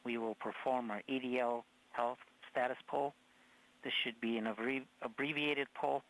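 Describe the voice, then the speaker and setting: A male flight director runs through procedure on a comms loop. His voice sits at a middle pitch, and he speaks in short formal calls and acknowledgements. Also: steady tone, moderate pace, fairly bright tone, poor audio. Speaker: flight director running a poll.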